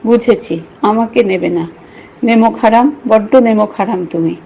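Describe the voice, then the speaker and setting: Young wife read by a woman, fond, soft doting talk, warm dark voice, storybook. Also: mid-range voice, normal speed, creaky, husky, lo-fi sound. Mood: sulky. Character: young wife cooing to a baby, fond and sulky.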